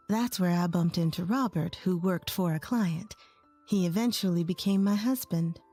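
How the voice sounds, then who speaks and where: A woman's voice: medium pitch, darkish tone. A woman in her twenties from rural Texas, telling her own story in earnest, scripted first-person narration. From rural Texas, USA. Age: 20s.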